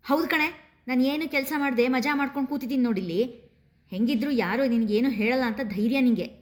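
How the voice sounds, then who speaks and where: A woman's voice: fairly high pitch, a little fast, lightly acted. Woman voicing a tired, snappish young man. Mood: angry. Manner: grumbling, snappish.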